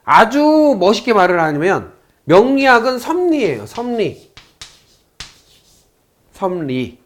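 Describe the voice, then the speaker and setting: Lively high-voiced man lecturing. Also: slow pace. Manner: acts out both sides of a phone call, asks the class questions. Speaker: saju fortune-telling lecturer. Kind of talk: lecture with a story told to students.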